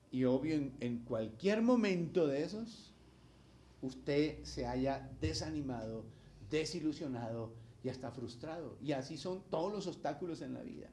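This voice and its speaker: A man's voice: fairly high pitch, moderate pace. A man preaching a sermon as pastor, speaking, asking his congregation questions and acting out the voices of the people in his examples. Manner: animated preaching, acts out quoted voices, asks the congregation questions.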